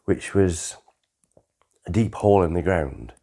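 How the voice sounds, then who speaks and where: A man, telling his life story in a rambling, conversational way with pauses and restarts. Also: deep voice, expressive, vocal fry, dark tone. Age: 60s. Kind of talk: unscripted autobiographical storytelling.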